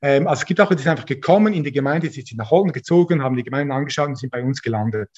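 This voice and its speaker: A man's voice: mid-range voice, expressive, very fast, a little mellow, breathy edge, dull audio. A man, a pastor talking earnestly in an interview, often restarting and repeating words. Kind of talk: interview, casual conversation.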